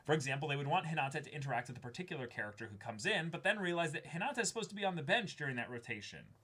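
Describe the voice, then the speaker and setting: Reading fan letters on the reaction and unboxing show he co-hosts, the young adult keeps cutting in with excited comments while sitting by his partner in a small indoor room. He races along in a fairly high, somewhat bright voice with a breathy edge and big pitch swings.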